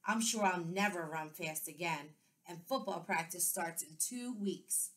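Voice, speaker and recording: A discouraged young boy with a hurt leg, read aloud by a woman teacher, grumbling that he will never run fast again. The voice is low on hope and a little sulky, delivered in a plain storybook read-aloud manner. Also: fairly bright tone. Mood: glum. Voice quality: glum, grumbling.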